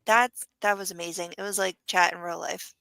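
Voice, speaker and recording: A woman's voice: lowish voice, steady tone, normal speed, creaky, sharp tone, clear, resonant tone, no room sound. A woman, chatting casually as an enthusiastic, supportive podcast co-host. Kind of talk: casual live podcast chat.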